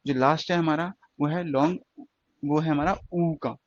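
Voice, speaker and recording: Male shorthand tutor, slightly high-pitched, steady repetitive classroom delivery, muffled lo-fi audio. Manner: slow, repetitive explaining with questions to students. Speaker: stenography teacher. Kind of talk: classroom lesson.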